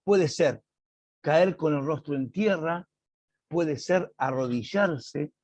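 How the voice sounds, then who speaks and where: A man teaching an online Bible class over a video call, explaining slowly and emphatically and reading quotes aloud with drama. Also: a little high, a little mellow, no echo.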